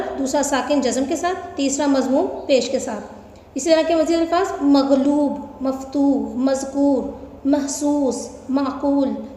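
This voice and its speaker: A woman teaching pronunciation, deliberately spelling out the vowel marks of each word in a list. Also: high voice, darkish tone. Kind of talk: pronunciation lesson. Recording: echoey room with long reverb.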